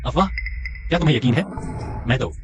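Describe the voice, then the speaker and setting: A man's voice: a little high, expressive, fast, lo-fi sound, natural voice. A man dubbing a cool young male hero in a drama, with a mocking, self-assured manner. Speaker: dubbing actor. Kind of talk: dubbed drama acting.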